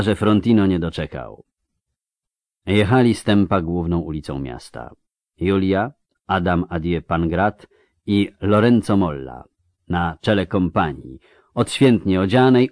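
A man narrating a fantasy novel in an expressive, dramatic storytelling manner. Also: lowish voice, dry recording, studio quality. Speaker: audiobook narrator. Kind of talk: scripted fiction narration.

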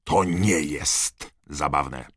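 A man voicing an angry middle-aged wizard father who shouts and scolds his sons. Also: on the low side, huge pitch swings, slow pace, gravelly, dry recording, studio quality, voice pushed up, full character voice. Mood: angry scolding.

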